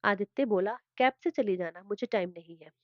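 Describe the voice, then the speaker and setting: A woman's voice: mid-range voice, brisk, no echo, lo-fi sound. A woman telling a family drama story as a narrator, reading all the characters' lines in her own voice.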